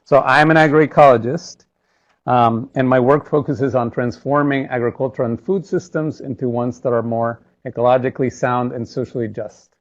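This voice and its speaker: A man from El Salvador moderating a formal interview, polite and measured with hesitant fillers. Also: medium pitch, fairly even intonation, highs cut off.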